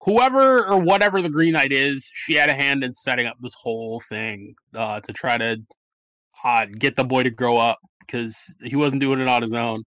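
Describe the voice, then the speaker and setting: A man hosting a podcast chat about a film, wandering through his thoughts with plenty of ums and likes. His voice is bright and forward, and the recording is close and dry with no room sound. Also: mid-range voice, normal speed, no room sound, low-quality recording. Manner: rambling, many fillers and restarts. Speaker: podcast host. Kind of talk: casual movie review chat.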